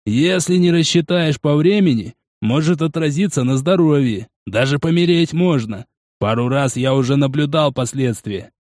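A man voicing a gruff, grumbling foreman in an audiobook, drawling his words. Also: a little high, a little mellow, no echo, clean studio sound, close to an everyday voice. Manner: slow, grumbling.

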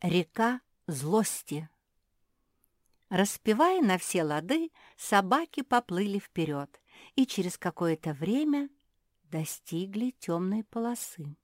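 A woman narrating a children's story chapter in an expressive, lively reading voice. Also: mid-range voice, takes it slowly, no echo, clean studio sound. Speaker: audiobook narrator.

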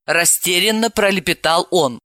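Bright, expressive woman audiobook narrator. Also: lowish voice, moderate pace, no room sound, clean studio sound. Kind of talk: scripted narration.

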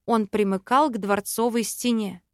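Female audiobook narrator, fairly high voice, smooth and even delivery; dry studio sound. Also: normal speed, no echo. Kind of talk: scripted narration.

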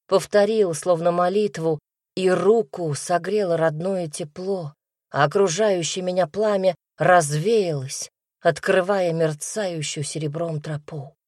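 A woman reading a first-person fantasy story with a low, unhurried voice. The sound is close and dry, with no room around it. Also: a little mellow, no echo. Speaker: audiobook narrator. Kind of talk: scripted first-person narration.

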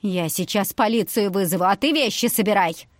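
Woman reading a sharp-tongued, angry old mother. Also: medium pitch, lively intonation, a little fast, no echo, studio quality, close to an everyday voice. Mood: coldly stern. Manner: cold, threatening.

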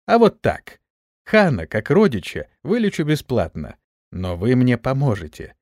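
A cunning young hero talks brashly and with lively swings of pitch, as a male narrator plays him. The storybook reading sounds dry and close to the mic. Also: a little slow, no room sound. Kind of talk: audiobook character reading.

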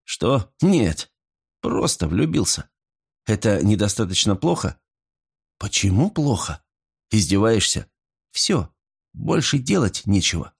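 A man's voice: on the low side, slow pace, gravelly, pauses often, breathy edge, heavily acted. A man playing a gloomy lovesick young man. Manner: gloomy, deadpan.

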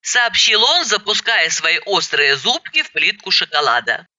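A woman's voice: lowish voice, sing-song, moderate pace, sharp tone, dry recording, muffled recording. A woman narrating a first-person story aloud, expressively acting out the dialogue.

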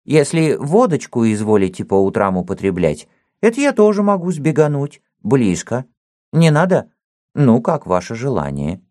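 A man puts on a toothless old church watchman with a high, thin, mumbling voice, chattering away in rambling folk speech with servile politeness. His voice is pitched far above the narrator's own and lisps through missing teeth, and the telling is a storybook reading. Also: huge pitch swings, moderate pace, dark tone, dry recording, studio quality. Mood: chatty. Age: older. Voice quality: mumbling, lisping.

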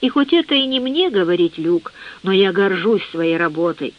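A narrator voicing a quietly proud, fussy male undertaker in an audiobook reading, on a dull lo-fi recording. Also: mid-range voice, lively intonation, normal speed, close to an everyday voice.

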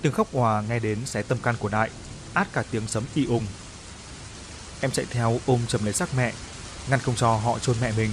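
A man narrating a scripted ghost story in a steady, mournful storytelling manner. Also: medium pitch, moderate pace, noisy background.

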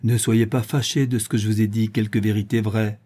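A man's voice: lowish voice, flat delivery, a little fast, mellow, slightly rough. A man reading an audiobook voices a proud, scornful woman who teases her suitor. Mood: mocking. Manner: scornful and teasing. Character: mocking, proud, worldly signora, woman.

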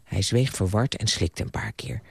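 A man narrating a radio story with expressive storytelling. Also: on the low side, normal speed, gravelly, slightly rough, dry recording.

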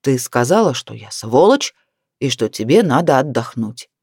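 A woman's voice: a bass voice, very animated, normal speed, a little mellow, breathy edge, no echo, studio quality, voice pushed down, full character voice. A woman reading the part of a jovial middle-aged husband who mocks and then turns defensive. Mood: subdued. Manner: mocking, wry storytelling.

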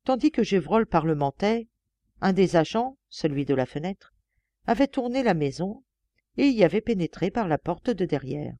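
Here a woman serves as audiobook narrator for a classic novel, her reading both measured and expressive. She has a fairly low-pitched voice, captured in a dry recording.

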